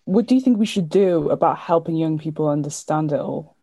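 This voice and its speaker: A woman's voice: low-pitched, expressive, fairly quick, gravelly, dark tone, breathy edge, dry recording. A young woman, asking questions and explaining things in casual conversation. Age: young adult. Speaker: interviewer.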